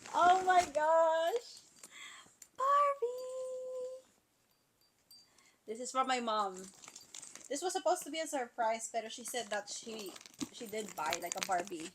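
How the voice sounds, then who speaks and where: A 27-year-old woman, casually unboxing gifts on a tablet mic, excitable and mixing Tagalog into her English while getting over a sore throat. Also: on the high side, moderate pace. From Philippines. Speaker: vlogger. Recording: crinkling packaging noise close by.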